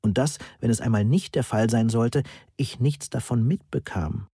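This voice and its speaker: A man reading a novel aloud in the first person in an even, measured way. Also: medium pitch, breathy edge, dry recording, clean studio sound. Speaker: audiobook narrator.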